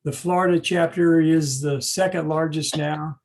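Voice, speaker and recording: A man presenting on a video call, his voice fading in and out over a weak connection and pausing with fillers. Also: fairly high pitch, steady tone, a little mellow. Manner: halting, with pauses and fillers. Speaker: local club representative presenting on a video call. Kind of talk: casual presentation.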